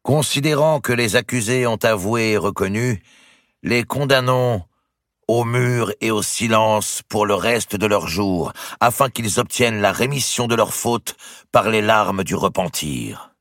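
A man voicing a haughty papal legate slowly reading out a sentence, in a storybook reading. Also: lowish voice, fairly bright tone, no echo, studio quality, pitched above the performer's own voice. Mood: solemn. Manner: slow solemn declamation.

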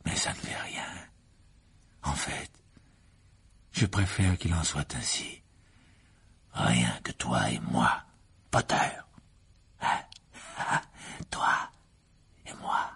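A man voicing a young male dark wizard, cold and gloating, who taunts slowly and drops into whispers. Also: rumbling low, expressive, gravelly, husky, voice pushed down, exaggerated voice.

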